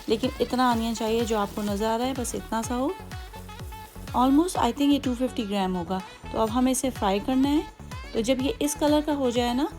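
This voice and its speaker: A woman's voice: on the high side, a little mellow. Chatty Hyderabadi woman teaching home cooking. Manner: chatty, explains steps patiently with many asides. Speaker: cooking channel host.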